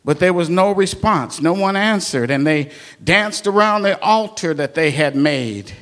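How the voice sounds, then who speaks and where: A male preacher reads scripture aloud in a sermon. His voice sits fairly high, and he takes his time, stretching phrases for dramatic effect. He breaks off now and then for playful asides. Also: lively intonation, measured pace, a bit bright. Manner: dramatic, changes pitch and pace for emphasis, playful asides.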